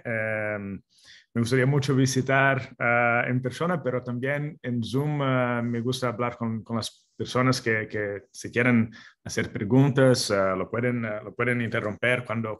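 A male professor gives an academic talk on a video call in Spanish that is not his native language. His foreign accent is audible, and he speaks haltingly at a middling pitch, often searching for the next word. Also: steady tone, fairly bright tone. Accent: non-native Spanish. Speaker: guest lecturer, mathematics professor. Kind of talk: academic online lecture. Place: indoor room, video call.

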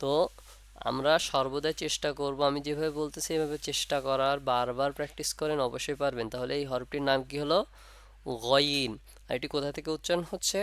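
A man with a fairly high, smooth voice teaches letter sounds step by step. He asks questions and answers them himself, and he stretches out each sound to demonstrate. The recording is dry and close. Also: steady tone, fast, fairly bright tone, no room sound. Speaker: Quran reading teacher. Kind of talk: step-by-step lesson.

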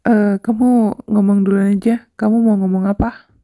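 A woman voicing a kind young man who speaks calmly and steadily and apologizes gently, in a fan-dubbed game drama. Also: medium pitch, moderate pace, no echo, clean studio sound, close to an everyday voice. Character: kind young man, attentive boyfriend type.

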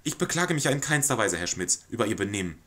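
A man voicing a fretful, anxious middle-aged housewife who pleads in a high, over-eager way, reading a stage play aloud. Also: sing-song, quick pace, fairly bright tone. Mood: pleading.

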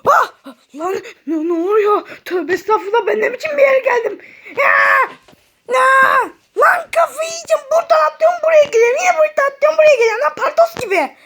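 A woman voicing Malsu, a squeaky goofy cartoon guy. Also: lively intonation, a little fast, full character voice. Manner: exclaims and shouts, swings between panic and giggles. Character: goofy, panicky male cartoon character. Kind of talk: cartoon voice acting.

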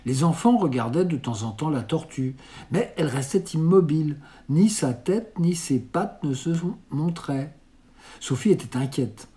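A man reading a classic children's novel aloud in a steady, even storytelling manner. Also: mid-range voice. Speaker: reader.

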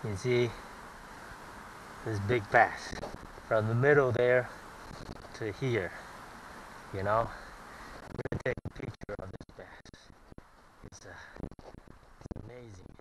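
A man filming himself fishing, talking in a halting way with many fillers and repeated words, recorded outdoors on a head-mounted camera. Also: mid-range voice, steady tone, noisy background. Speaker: angler filming his catch. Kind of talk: casual fishing vlog narration. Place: outdoors at a pond bank. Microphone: head-mounted action camera.

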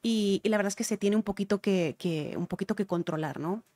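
A woman's voice: medium pitch, a little fast. A woman with a Spain Spanish accent, a vocal coach reacting to a music video and explaining singing technique, repeating her key points.

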